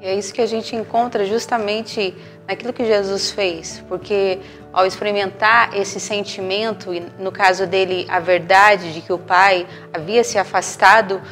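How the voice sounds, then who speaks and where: A Brazilian woman preaching with a gentle, reflective voice at a middle pitch. Soft music plays underneath her words. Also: steady tone, moderate pace. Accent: Brazilian Portuguese. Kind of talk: sermon.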